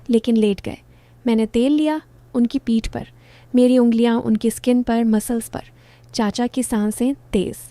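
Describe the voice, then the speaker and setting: A woman narrating a first-person story in short, clipped phrases, soft and intimate. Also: a little high, dry recording.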